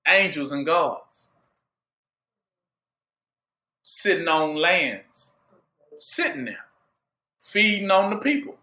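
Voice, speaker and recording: A man's voice: a little high, slow pace, sharp tone, roomy sound. A man preaching a sermon, drawing his listeners in with rhetorical questions he leaves for them to finish. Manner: call-and-response rhetorical questions.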